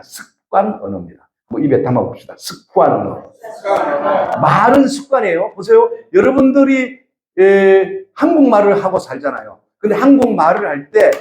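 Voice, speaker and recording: A man from South Korea's Gyeongsang region gives a lecture, telling stories and questioning the audience directly. His voice sits high with big pitch swings at a normal speed, in an echoey lecture room.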